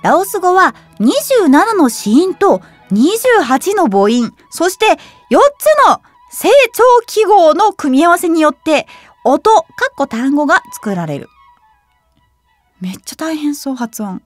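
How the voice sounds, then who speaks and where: A young woman hosts a casual radio show in a high, bouncy voice. She reads trivia, then breaks off into giggly, excited comments, with faint music playing behind her. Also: slow pace. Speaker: web radio host. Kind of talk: casual quiz chat and reading aloud.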